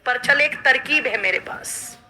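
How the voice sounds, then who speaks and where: A woman's voice: high voice, measured pace, sharp tone, soft background music, full character voice. Woman preacher doing a fretful elderly father-in-law, grumbling, in a parable. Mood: complaining. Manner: grumbling, complaining.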